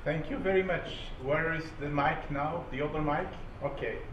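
A man moderating a roundtable discussion in a conference room, measured and academic with small jokes. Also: fairly high pitch, fairly even intonation, highs cut off. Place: conference room with a panel on stage. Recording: echoey room, distant mic, audible hum.

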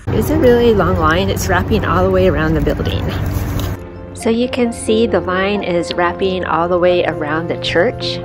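A woman's voice: on the low side, normal speed, over music, low-quality recording. Chatty middle-aged woman vlogging from her car. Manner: enthusiastic, chatty. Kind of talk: casual travel vlog talk. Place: parked car. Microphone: phone at arm's length.

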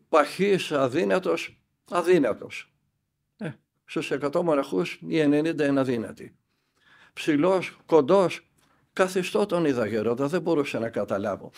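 An older man, an elder monk, tells a spiritual story and acts out the dialogue with lively emphasis. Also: on the high side, gravelly.

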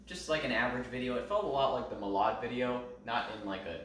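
A man's voice: medium pitch, quick pace, fairly bright tone, slight background noise. A man giving playful, mock-boastful opinions in a casual chat as co-host. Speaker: co-host and cameraman. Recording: very echoey room, far from the mic.

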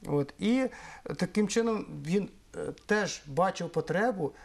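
A middle-aged man from Ukraine explaining things in an interview, measured and pausing often on fillers. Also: high-pitched, animated, creaky. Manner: measured, with frequent hesitations and fillers. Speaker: interviewee, Esperanto historian.

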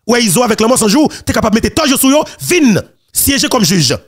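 A man's voice: very high-pitched, big pitch swings, fairly quick, husky. A Haitian man with a Haitian accent giving emphatic, repetitive political commentary as an online news host.

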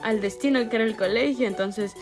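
A woman's voice: a little high, fairly quick. A young woman telling a storytime vlog in a playful, slangy way, laughing at her own jokes. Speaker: vlogger. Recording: music playing behind.

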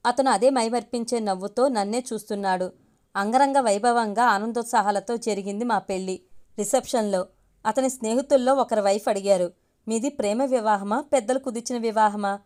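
Female storyteller with a slightly high voice, gently emotive first-person romance reading. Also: fairly quick.

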